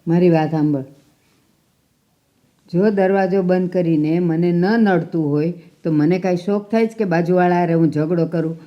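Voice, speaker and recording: A woman's voice: lowish voice, steady tone, moderate pace, lightly acted. A woman acting a stubborn older grandmother who scolds and defends her quarrel with the neighbour, in a family drama. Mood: scolding. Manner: indignant, scolding. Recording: dull, muffled sound.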